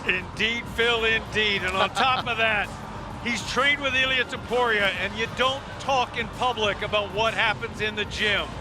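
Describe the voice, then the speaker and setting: A man's voice: high voice, steady tone, normal speed. A man giving color commentary on a fight, confidently laying out each fighter's keys to victory. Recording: music under the voice.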